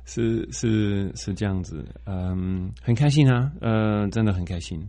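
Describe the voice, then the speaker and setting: Deep, mellow foreigner speaking halting Mandarin, male. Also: lively intonation, dry recording. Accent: foreign-accented Mandarin. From Belgium. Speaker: interview guest, film composer. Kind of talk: casual interview.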